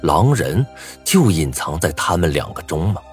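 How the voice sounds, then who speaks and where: A man's voice: low voice, sing-song, normal speed, faint music behind. A man narrating a suspenseful first-person story in a tense storytelling voice.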